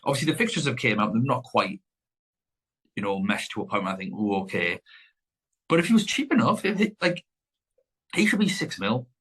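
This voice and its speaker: A man's voice: mid-range voice, big pitch swings, brisk, long pauses, a bit bright, slightly rough. A man co-hosting a podcast, chatting casually and rambling as he corrects himself mid-sentence. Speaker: podcast co-host. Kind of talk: casual chat.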